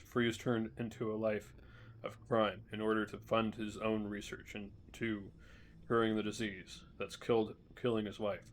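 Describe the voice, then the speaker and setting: A male streamer reading journal entries from a video game aloud in a measured way, with small restarts. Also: fairly low pitch, a little hiss or hum.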